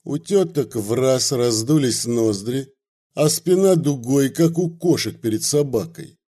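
A man narrates a folk tale in an expressive, lively reading. His voice is dark and mellow, and he takes his time over each phrase. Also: mid-range voice, unhurried. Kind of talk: storybook narration.

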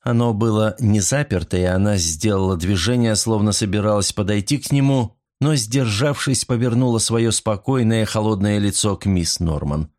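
A man narrating a novel in a measured, even audiobook reading. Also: fairly low pitch.

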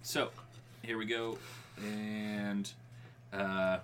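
Low, bright-voiced male game master. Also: level tone, extremely slow. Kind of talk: casual tabletop game narration. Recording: faint room noise.

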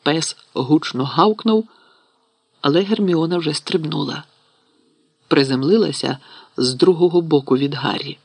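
Gravelly male audiobook narrator. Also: fairly high pitch, unhurried, long pauses, no echo. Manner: steady storytelling. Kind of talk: scripted narration.

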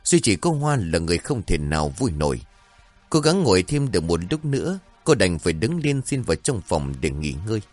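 Low-voiced man telling a horror story. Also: fairly quick, faint music behind. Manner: dramatic, suspenseful, expressive. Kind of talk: scripted horror narration.

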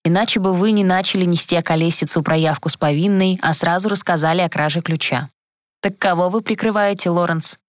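Woman doing weary male detective, mocking, slow drawl, low voice, dry close sound. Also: no echo, lightly acted. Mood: probing.

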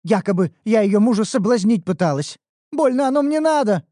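A complaining young red elf girl, as an audiobook narrator puts her on, pleading and protesting with big swings of pitch. The reading is dry and close with no room sound. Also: lively intonation, brisk, mellow, no room sound, lightly acted. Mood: whining. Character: whiny young female red elf apprentice. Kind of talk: audiobook character voice.

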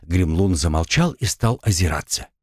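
Man reading an audiobook, lowish voice, really lively intonation, dry close sound. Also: moderate pace, no room sound. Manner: expressive storytelling with acted dialogue. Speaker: audiobook narrator. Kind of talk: fiction audiobook narration.

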